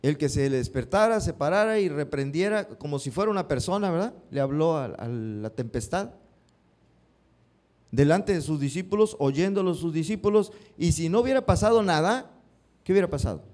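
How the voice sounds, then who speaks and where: Man, sermon, mellow tone, questions to the congregation. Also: fairly high pitch, moderate pace. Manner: asks the congregation questions, lively rising emphasis. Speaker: preacher.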